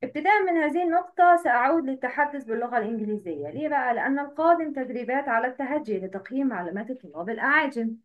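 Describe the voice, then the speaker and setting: A woman with an Egyptian Arabic accent teaching a livestream lesson, explaining step by step and repeating terms slowly. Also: high voice, expressive, phone-quality sound.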